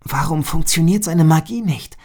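A man voicing a brave, excitable young female animal in a storybook, pitching his voice up for her eager questions. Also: normal speed, vocal fry. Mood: puzzled. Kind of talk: storybook reading.

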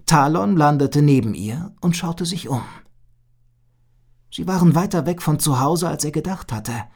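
Low husky woman reading a story. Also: animated, unhurried. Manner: hushed, dramatic, drops to whispers. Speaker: narrator.

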